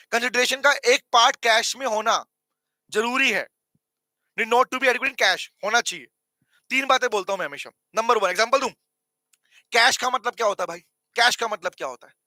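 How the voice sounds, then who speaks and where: Indian male lecturer, very high and bright voice, dry close mic, keeps asking students to reply. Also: no echo. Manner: addresses students as beta, asks for replies, repeats points; mixes English terms into Hindi. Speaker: teacher. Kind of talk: online commerce law lecture.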